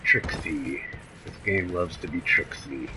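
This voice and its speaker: Excitable man commentating a game. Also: low-pitched, measured pace, noisy background. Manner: excitable, reacts out loud to the game. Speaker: gameplay commentator. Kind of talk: let's play commentary.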